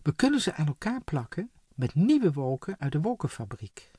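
A storybook reader voicing Floor, a young girl who calls out high, eager ideas. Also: sing-song, normal speed, mellow, breathy edge, no room sound. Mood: excited. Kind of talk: storybook character voice.

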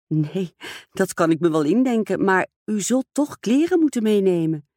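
A woman reading aloud, voicing a gentle, timid young stepdaughter who speaks hesitantly and politely. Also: medium pitch, big pitch swings, moderate pace, dry recording, studio quality, pitched above the performer's own voice. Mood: anxious.

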